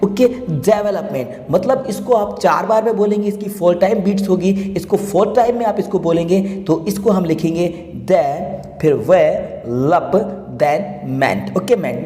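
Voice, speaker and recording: A man hosting an English lesson, explaining syllable division slowly and repeating each word part by part. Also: high-pitched, warm tone. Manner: slow and repetitive, spells words out syllable by syllable. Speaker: English teacher, channel host.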